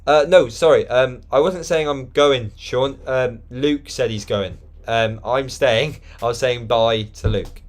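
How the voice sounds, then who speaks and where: A man live-streams a football watchalong from his flat. He calls the match in a chatty, informal way and answers viewers as they comment. When the action heats up, he breaks into loud shouting. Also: mid-range voice, a little slow, few pauses. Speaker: live-stream host doing fan commentary. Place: flat indoors.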